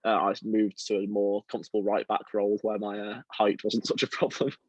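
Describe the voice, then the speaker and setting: Young English man, chatty and low-voiced. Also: little pitch movement, brisk, no room sound, muffled recording. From England, around Liverpool. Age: young adult. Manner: chatty, self-deprecating, many fillers and restarts. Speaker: football writer guest. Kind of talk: casual interview chat.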